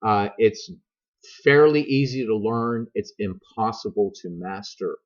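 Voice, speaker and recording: Low-pitched American man, casual streamer chat. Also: measured pace. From grew up many years in America; also Irish. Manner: self-deprecating, joking, digressive. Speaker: streamer and gaming video host. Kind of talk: casual rambling chat to viewers. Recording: dull lo-fi laptop microphone.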